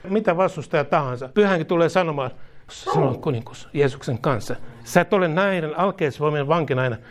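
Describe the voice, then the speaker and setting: A man's voice: fairly high pitch, expressive. A man leading a charismatic prayer, repeating each phrase and declaring commands, with bursts of speaking in tongues. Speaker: prayer leader.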